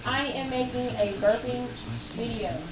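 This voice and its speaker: A woman's voice: fairly high pitch, measured pace, a loud crowd. A giggly woman chatting casually on a homemade video, often breaking into laughter. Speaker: amateur video maker doing a burping contest. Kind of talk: casual home video chat. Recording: muffled phone-like audio, echoey, loud noise.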